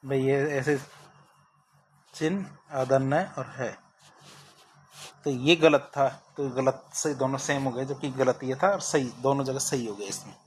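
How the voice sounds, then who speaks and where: A man's voice: medium pitch, a little slow, pauses often, a little hiss or hum. A man teaching a spelling lesson for exam students, asking each question and answering it himself. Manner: drills with repeated question-and-answer. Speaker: Hindi exam tutor.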